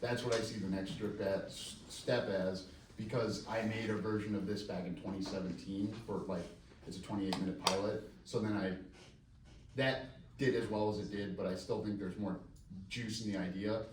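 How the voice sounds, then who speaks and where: At a script reading, a screenwriter fields audience questions in a live event room, rambling, joking, and putting himself down casually. His voice is lowish with fairly even intonation at a normal pace. The room is echoey, the mic distant, with faint noise.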